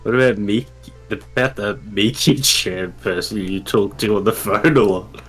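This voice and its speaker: Brief: awkward blunt young hero, read by a man in a plain low voice. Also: moderate pace, a bit bright, slightly rough, faint music behind. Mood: earnest. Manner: reading game lines aloud, plainly.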